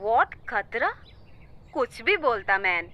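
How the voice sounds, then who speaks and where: A woman's voice: fairly high pitch, big pitch swings, slow pace, sharp tone, heavily acted. An actor playing a breezy, careless young woman on a phone call in a horror audio drama, mixing English in. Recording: muffled phone line.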